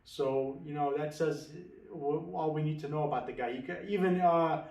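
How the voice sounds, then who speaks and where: A man's voice: on the high side, moderate pace, gravelly, a little mellow, far from the mic. A man giving casual, confident fight-betting predictions, rambling with many restarts and fillers. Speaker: MMA betting tipster. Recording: echoey room, away from mic.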